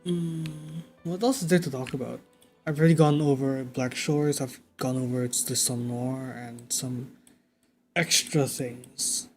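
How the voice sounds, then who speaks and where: A man livestreaming a game, talking casually and thinking out loud in a conversational way. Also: medium pitch, fairly even intonation, unhurried. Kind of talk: casual livestream chat while playing a game. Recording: game music behind the voice. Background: video game music.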